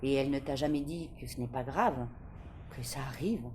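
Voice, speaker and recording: A warm-hearted middle-aged librarian speaks in a soft, reassuring voice that can turn a little stern, as an actress reading a novel puts her on. Her tone sits fairly low and calm. A faint hiss lies under the reading. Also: brisk, close to an everyday voice. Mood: gentle. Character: kind, gentle middle-aged woman librarian.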